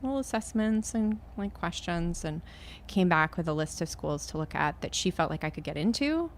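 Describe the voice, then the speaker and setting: A woman's voice: lowish voice, animated, moderate pace, a little hiss or hum. A middle-aged woman from Maine, a podcast guest, talking in a chatty, self-deprecating way. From Maine, USA. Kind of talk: conversational interview.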